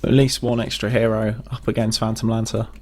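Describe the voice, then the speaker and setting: A man co-casting a live video game match, giving casual quick analysis. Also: on the low side, little pitch movement. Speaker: esports co-caster.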